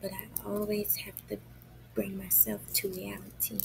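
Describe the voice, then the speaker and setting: A woman speaking in hushed, breathy late-night pillow talk, often near a whisper, with halting phrases and long pauses, as an intimate personal monologue. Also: medium pitch, little pitch movement. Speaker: video maker. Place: quiet room indoors at night. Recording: noisy room, clear background noise.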